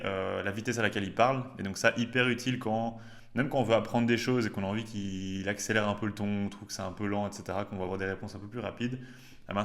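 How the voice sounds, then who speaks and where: Guy doing a chill tech demo, lowish voice, slangy, lots of euhs. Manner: relaxed, chatty, slangy with frequent hesitations. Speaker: host. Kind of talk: casual tech demo to camera.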